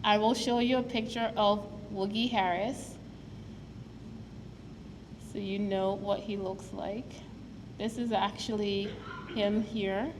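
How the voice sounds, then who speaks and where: A woman's voice: medium pitch, fairly even intonation, slow, pauses often. A woman from Guyana gives an earnest, storytelling public talk to an audience as a preservation advocate at a museum. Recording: long hall reverb, faint noise.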